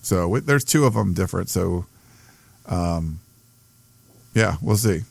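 A man's voice: sits low, animated, takes it slowly, vocal fry, dry recording. An American man co-hosting a sports podcast in casual chat, hesitant and circling back over his phrases.

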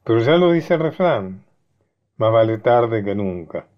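A man's voice: medium pitch, expressive, unhurried, lightly acted. A man voicing a scheming older governor who speaks with ceremonious, mock-courteous formality, raising his voice above his narration. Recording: dull lo-fi recording.

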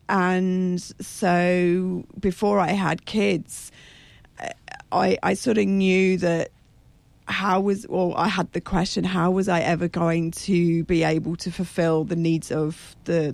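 A woman with a croaky, hoarse frog voice, speaking haltingly as she searches for words in a radio interview. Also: lowish voice, darkish tone, no echo. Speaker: radio show guest. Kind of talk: personal interview conversation.

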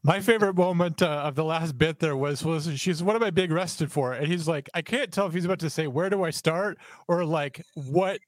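A male podcast co-host laughs and retells a clip animatedly. He talks slightly high for a man, recorded close in a dry room. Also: brisk, hardly any pauses, no echo. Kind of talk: casual podcast commentary.

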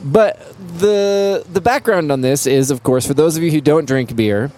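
A man's voice: fairly high pitch, moderate pace, warm tone. A man co-hosting a casual podcast, easygoing and wry, with some filler words, recorded live in a brewery. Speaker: podcast co-host. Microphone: single shared microphone.

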